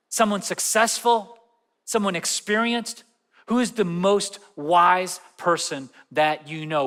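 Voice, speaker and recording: A young man preaching to a large congregation in a bright, fairly high voice. His delivery is conversational, full of questions to the audience, and it rings out with a long hall echo. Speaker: pastor. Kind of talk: sermon. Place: large church auditorium. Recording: echoey church hall.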